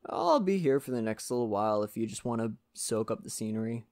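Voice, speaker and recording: A man with a lowish, expressive, slightly creaky voice plays a friendly Canadian lumberjack, a gentle father who loves nature. In this soft-spoken ASMR roleplay monologue to the listener, he sounds relaxed and friendly, folksy, reassuring and unhurried.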